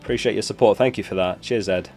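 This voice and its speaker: Talking quickly in a fairly low, darkish voice, a young man hosts a live stream, casually chatting and replying to chat questions. He's getting over a lost voice, and soft background music runs underneath.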